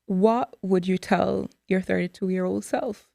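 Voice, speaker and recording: Woman host, 30s, animated and expressive, dry close sound. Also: medium pitch, slow, creaky, no room sound. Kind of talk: candid interview chat.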